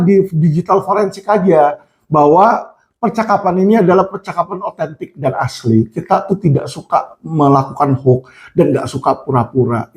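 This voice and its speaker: A man speaking out to viewers in an impassioned monologue, emphatic, often addressing them as friends and acting out the people he quotes. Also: sits high. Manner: emphatic, repeats "teman-teman" and "ya", acts out quoted people in raised shouts.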